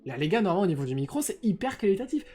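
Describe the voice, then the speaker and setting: A man's voice: high voice, big pitch swings, racing, dark tone, husky, soft background music. A young man streaming live, chatting casually and rambling with lots of hesitations and crude slang into a filtered desk microphone. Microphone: desk microphone with noise filters.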